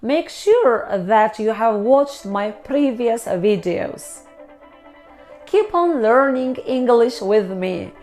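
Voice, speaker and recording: Slow, lively-pitched woman teaching English. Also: soft background music. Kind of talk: slow scripted lesson reading example sentences.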